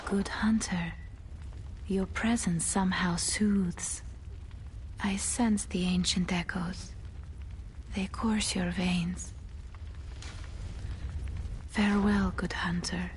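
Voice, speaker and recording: An actress playing a gentle, serene living doll in a video game, with a soft, breathy, soothing voice and a solemn, hushed delivery. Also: female voice, on the low side, steady tone, slow pace, pauses often, a little hiss or hum, low-quality recording. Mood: serene, tender. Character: gentle, serene female living doll who tends a hunter.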